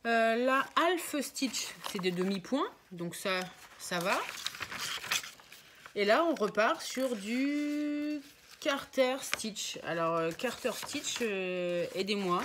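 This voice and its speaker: A woman's voice: a little high, animated, takes it slowly. Chatty woman, hesitant, noisy room. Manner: chatty, thinking aloud with many hesitations. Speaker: crafting vlogger. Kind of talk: casual show-and-tell vlog. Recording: noisy home recording with crinkling packaging.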